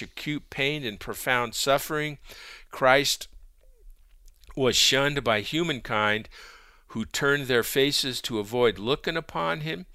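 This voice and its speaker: A man preaching a sermon in an emphatic, measured way, stacking lists of words for stress. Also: mid-range voice, sharp tone, smooth, no echo, studio quality. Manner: emphatic, measured delivery with repeated word lists.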